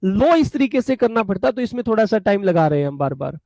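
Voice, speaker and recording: With big swings in his high-pitched, mellow voice, a man talks fast in a recording free of room sound. He teaches a live online law class using small dramatized stories, voicing both buyer and seller, and chats with his students like a father would.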